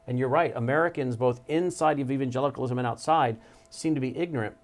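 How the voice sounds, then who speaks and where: A talk show host at a studio desk talks fast in a medium-pitched voice. Running his interview program, he speaks emphatically, with urgency and intensity that keep climbing.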